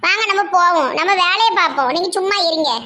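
A woman's voice: very high-pitched, quick pace, sharp tone. A woman voicing a blunt young village woman. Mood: scolding. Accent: Tirunelveli Tamil. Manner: scolding, blunt.

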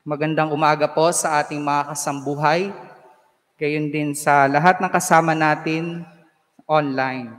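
Filipino priest in a big echoing church. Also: male voice, fairly high pitch, steady tone, a bit bright. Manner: measured, solemn delivery with conversational asides. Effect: long echo of a large church. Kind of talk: proclaiming the Gospel and preaching a homily. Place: large church. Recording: long church reverb.

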